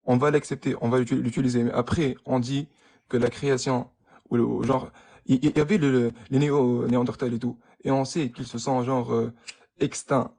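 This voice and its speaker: A young man with a soft-edged, mellow voice argues in a casual live debate. His French is broken, with stammered repeats and frequent searching for the right word. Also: medium pitch, steady tone, normal speed, vocal fry. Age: young adult. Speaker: debate participant, student.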